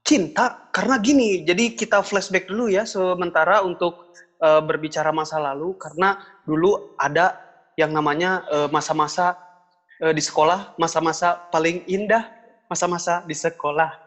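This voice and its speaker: A pompous rich man, played by a man in a comedy podcast skit who brags about his wealth and cannot stand being interrupted. His voice sits fairly high for a man, and his delivery is stiff and self-satisfied. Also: fairly even intonation, moderate pace, fairly bright tone, lightly acted. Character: boastful rich adult man guest.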